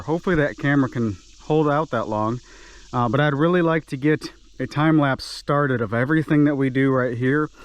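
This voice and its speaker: In a casual vlog shot in a wooded clearing, a man with a mid-range voice and no echo talks to camera as he works his land. He's a bit out of breath, chatty and self-deprecating, musing aloud along the way.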